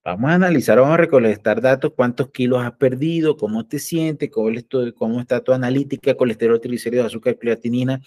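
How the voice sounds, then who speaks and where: A man, a doctor hosting a live health stream, talks in an animated, preachy way and acts out the voices he quotes. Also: medium pitch, fast talker, hardly any pauses.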